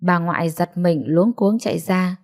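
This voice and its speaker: A woman narrating a family story in a steady, measured storytelling voice. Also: lowish voice. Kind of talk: scripted narration.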